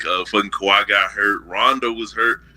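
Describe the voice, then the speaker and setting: Very deep, sharp-voiced man. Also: normal speed. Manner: animated, profane storytelling. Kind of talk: casual chat.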